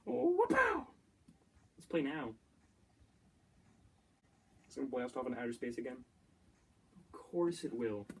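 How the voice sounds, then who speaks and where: A young man with a medium-pitched voice runs a casual commentary to himself as he builds and plays. He talks in a chatty, joking way and gets excited easily. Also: measured pace, pauses often, husky. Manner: chatty self-talk, easily excited, jokey. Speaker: YouTuber.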